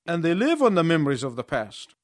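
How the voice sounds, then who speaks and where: Higher-voiced male preacher, dry close sound. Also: huge pitch swings, dry recording. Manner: storytelling, pausing in short phrases for the interpreter. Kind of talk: sermon with live interpretation.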